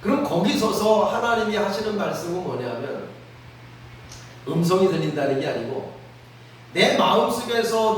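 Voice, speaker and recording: Pastor, male, high voice, earnest preaching, prompts listeners often, recorded far off in a very echoey room. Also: slight background noise. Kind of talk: sermon. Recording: very echoey room, mic at a distance.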